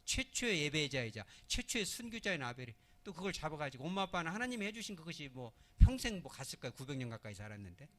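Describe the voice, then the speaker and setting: A male pastor delivers a midweek sermon in an animated, conversational way, his pitch rising and falling widely. He keeps asking the congregation questions and answering them, then drops into soft, hushed phrases. His voice sits a little higher than most men's. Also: fast, hardly any pauses. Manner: acts out little scenes in other voices; swings from loud emphasis to soft, hushed phrasing.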